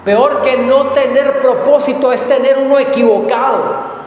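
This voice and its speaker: Pastor guy preaching, high voice, says stuff over and over, big church hall with long reverb. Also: steady tone, measured pace, highs cut off, a little hiss or hum. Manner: emphatic preaching, repeats words, asks the congregation questions. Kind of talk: sermon. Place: church sanctuary.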